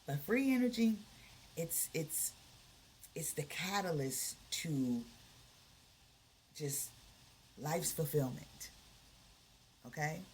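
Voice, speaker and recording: A woman hosting a spiritual livestream, speaking colloquially and with energy, repeating key phrases and easing into soft, near-whispered breathing guidance. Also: deep voice, slow pace, long pauses, a little hiss or hum. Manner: guides breathing softly, drops to near whispers. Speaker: livestream host.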